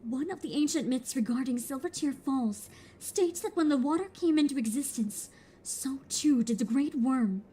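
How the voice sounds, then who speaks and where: A woman's voice: high-pitched, moderate pace, mellow, slightly rough. A woman voicing an earnest formal young scholar. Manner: archaic formal speech.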